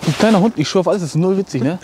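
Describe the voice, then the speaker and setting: A young man rattles off nervous jokes and street slang at high speed, his voice a little high. He is out in a forest at night, caught on a handheld camera. Music runs behind him. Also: rapid-fire. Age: young adult. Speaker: reaction video host. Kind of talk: casual reaction vlog. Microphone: handheld camera held by a friend.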